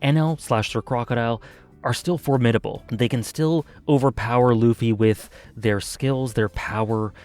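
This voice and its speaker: A man's voice: medium pitch, fairly even intonation, normal speed, darkish tone, faint music behind. A man casually reviewing an anime arc, thinking aloud with many fillers and self-corrections.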